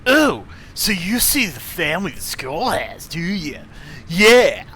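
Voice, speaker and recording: Game thug: a man doing a swaggering surfer-voiced gangster, cagey and sly, lively pitch. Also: slow, a little hiss or hum, exaggerated voice. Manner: drawling surfer-like voice. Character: male gang member, swaggering, secretive.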